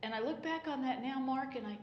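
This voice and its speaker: A woman's voice: sits high, brisk, highs cut off, a little hiss or hum, pitched above the performer's own voice, natural voice. A woman voicing an old male fisherman disciple who tells, in a wistful and rambling way, how worn out he once was. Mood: weary, wistful. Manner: rambling, wistful storytelling with sighs of exhaustion. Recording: echoey church room.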